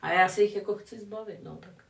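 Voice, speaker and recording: A woman's voice: mid-range voice, steady tone, creaky, distant mic. An older woman chatting casually on a live stream while doing her makeup, rambling and self-mocking as she answers the chat. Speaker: vlogger reading live chat. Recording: echoey room, voice a bit off-mic.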